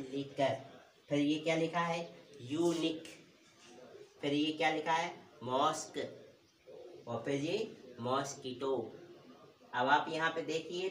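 A male teacher giving a pronunciation lesson, asking questions and answering them himself and repeating words slowly. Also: fairly high pitch, fairly bright tone, recorded from a distance, slight background noise. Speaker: English teacher. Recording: roomy echo, voice from off the mic.

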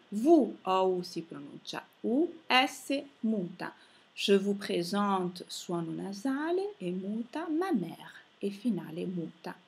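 Slow, husky woman teaching phonetics. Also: fairly low pitch. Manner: slow, carefully spelling out sounds and silent letters. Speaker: French teacher. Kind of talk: slow phonetics lesson for students.

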